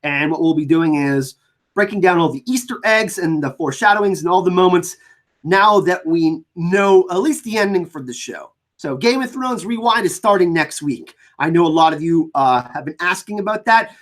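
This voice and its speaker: A person with a French Canadian accent hosting a casual livestream, chatting informally and reading out viewer comments, often halting and repeating words. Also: mid-range voice, lively intonation. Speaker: livestream host.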